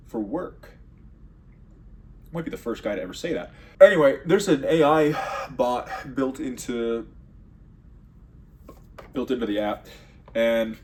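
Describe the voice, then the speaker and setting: A man doing a rambling comedic monologue, sarcastic with deadpan asides. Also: medium pitch, a little hiss or hum.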